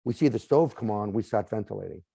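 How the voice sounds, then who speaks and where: A guest from a smart home company talks through home systems in a conversational interview, listing items in long runs and tagging points with a quick "right?". He has a Boston accent and a low, gravelly, deeply mellow voice, recorded dry and close with no echo.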